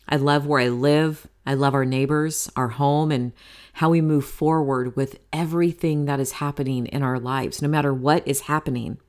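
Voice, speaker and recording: A woman in her forties hosting her own podcast, talking candidly and chattily about happiness in a motivational tone, with some casual swearing. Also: deep voice. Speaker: podcast host. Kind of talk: solo podcast monologue.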